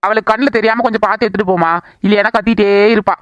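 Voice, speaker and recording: A woman's voice: mid-range voice, steady tone, very fast, no echo, muffled recording, lightly acted. A woman voicing a tired, chatty young mother in a cartoon. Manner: chatty, gossiping. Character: tired young mother rocking a crying baby. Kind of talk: cartoon voice acting.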